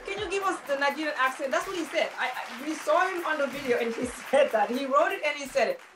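Play a chatty, playful woman hosting a casual talk show. Keep it high-pitched, speak straight to the viewers, and let light laughs slip in. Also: expressive, fast, a crowd in the background.

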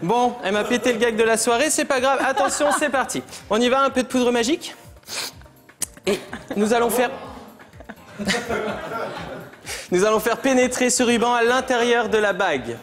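A man's voice: very high-pitched, moderate pace, long pauses, over music. Man doing teasing magic stage patter. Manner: teasing, playful, laughs often. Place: TV studio stage.

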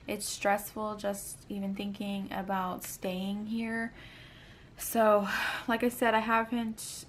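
A woman's voice: mid-range voice, slight background noise. A woman in her twenties talking casually to camera as a stay-at-home mom at home, rambling and tired, often sighing between thoughts. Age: 20s. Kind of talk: casual vlog chat to camera.

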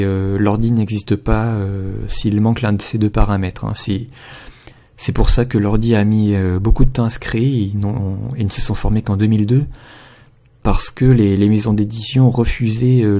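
A man talking casually as a video blogger reviewing an album, hesitant and full of filler pauses. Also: lowish voice, steady tone, warm tone.

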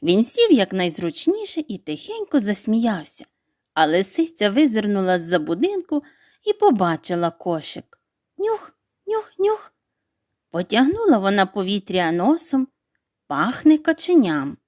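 Animated woman reading a bedtime story. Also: mid-range voice, moderate pace, no echo, clean studio sound. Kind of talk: children's bedtime audiobook narration.

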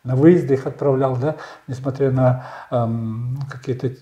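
A man in his sixties, a candidate answering interview questions in a measured storytelling way, often pausing with fillers. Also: mid-range voice, steady tone, dark tone, roomy sound, highs cut off. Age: 60s. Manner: measured, storytelling, frequent hesitations. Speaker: election candidate. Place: small bright studio.

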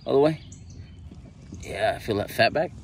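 A man's voice: mid-range voice, lively intonation, normal speed, gravelly. A man, chatting and joking casually while filming himself from a kayak on a lake. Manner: laid-back, joking, upbeat banter. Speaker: vlogger filming a family kayak outing. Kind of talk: casual outdoor vlog chat. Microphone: camera at arm's length. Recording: outdoor wind and water noise.

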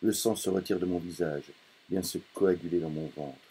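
A man reading a literary novel aloud in a measured, inward first-person narration. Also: deep voice, warm tone, husky. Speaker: audiobook reader.

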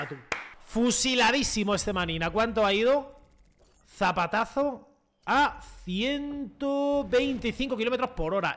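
A young man talks through his football video game as he plays, loose and slangy and quick to shout at the big moments. His voice sits high and sounds bright and edgy. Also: a little hiss or hum. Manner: excitable, slangy, shouts at goals. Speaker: gaming youtuber. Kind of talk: live gameplay commentary.

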